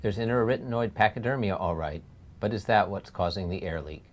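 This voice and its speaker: A man giving scripted medical narration as a lecturing doctor, explanatory and measured, stressing key points. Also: on the low side. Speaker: laryngologist lecturer.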